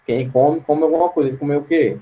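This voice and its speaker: A male teacher with a Brazilian Portuguese accent giving an online grammar lesson, patient and slow, repeating words to his students. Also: on the high side, steady tone, phone-quality sound.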